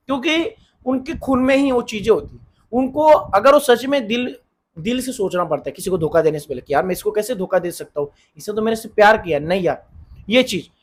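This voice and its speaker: Man, relationship advice, earnest, repetitive, high voice, rapid speech. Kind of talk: casual advice monologue.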